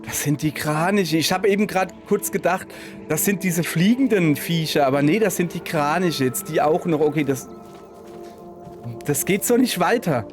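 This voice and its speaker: A man with a Palatinate German accent talks over a game in a slightly high voice, chatty and self-mocking as he addresses his viewers. Game music plays clearly underneath. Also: normal speed. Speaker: let's play host. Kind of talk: let's play commentary.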